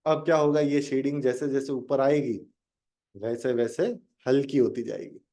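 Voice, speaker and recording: A man's voice: medium pitch, fairly even intonation, normal speed, dark tone. A young man teaching a live online drawing lesson, chatting with his students and joking as he guides them step by step. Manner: chatty, addresses students directly and jokes.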